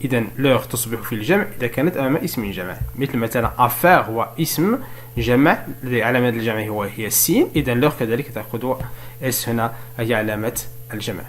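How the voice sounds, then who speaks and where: A man teaching a French spelling lesson in another language, explaining step by step, asking and answering his own questions, and dictating examples slowly. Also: mid-range voice, expressive, a little hiss or hum.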